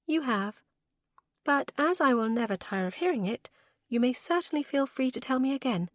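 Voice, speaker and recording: A woman voicing a spirited young newlywed gentlewoman, playful and arch in her teasing. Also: sits high, lively intonation, voice pushed up. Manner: playful, arch, quick to tease.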